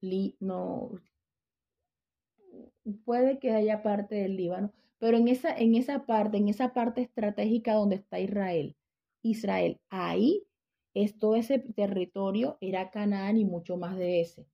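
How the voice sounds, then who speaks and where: A woman's voice: medium pitch, measured pace, vocal fry. A woman giving a conversational Bible lesson, often checking in with her listeners and restarting her phrases. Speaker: Bible teacher. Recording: dull lo-fi recording.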